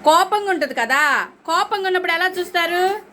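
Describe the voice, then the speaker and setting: A woman's voice: very high voice, fairly quick, bright, forceful tone. A woman teaching a class of young children, coaxing them and calling on each child by name. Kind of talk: classroom lesson. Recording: noisy classroom recording.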